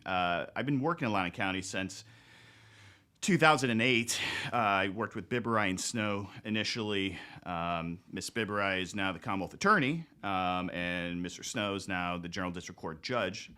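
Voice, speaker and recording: Lawyer guy on a podcast, kinda low pitch but bright and crisp, lots of ums. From born in Greece, grew up in the United States. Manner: relaxed, halting, many fillers and restarts. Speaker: guest, attorney. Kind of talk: casual interview.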